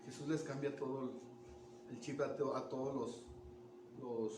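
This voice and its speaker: A man preaching a sermon in an animated way, asking the congregation questions and restarting words. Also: mid-range voice, unhurried, background noise. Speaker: pastor. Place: church. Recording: echoey church room from far off.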